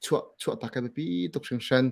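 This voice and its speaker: A man speaking casually about church ministry, mixing English words into his talk. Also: fairly quick. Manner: relaxed, mixes English words into speech.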